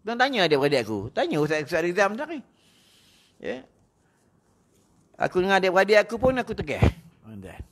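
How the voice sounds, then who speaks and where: Male preacher, Malaysian Malay accent, high voice, blunt and scolding with a teasing streak, lecturing in a mosque. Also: huge pitch swings, a little fast, long pauses, a bit bright. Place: mosque prayer hall.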